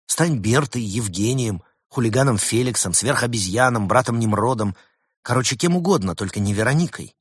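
A man voicing a shrewd talking male fox who explains things with lively insistence in an audiobook. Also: on the low side, normal speed, slightly rough, no room sound, clean studio sound, pitched above the performer's own voice. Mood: urging. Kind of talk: audiobook character voice.

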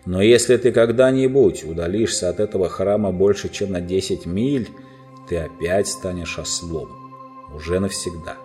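Man doing a big gentle lion, slow and deep, storybook voice, faint music behind. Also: natural voice. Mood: solemn. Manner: slow, low, solemn. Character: huge, calm, majestic male lion.

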